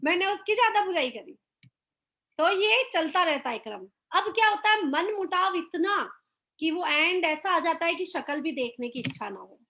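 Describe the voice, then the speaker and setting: A middle-aged woman with a very high voice leads a live online class. She keeps putting questions to her listeners and acts out small family quarrels to make her points. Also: animated, moderate pace, sharp tone. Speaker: motivational teacher.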